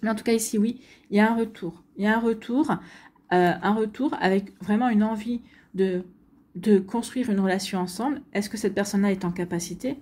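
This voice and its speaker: Woman, tarot reader, mellow dark tone, husky voice, hesitant, talks to viewers. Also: mid-range voice, brisk. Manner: hesitant, many fillers and restarts, addresses viewers directly. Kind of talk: spontaneous tarot reading to camera.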